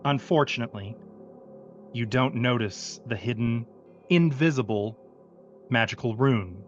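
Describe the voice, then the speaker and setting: A man's voice: medium pitch, unhurried. A man running a tabletop game, switching between narration and casual table talk as game master. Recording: slightly muffled, faint music behind. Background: faint music.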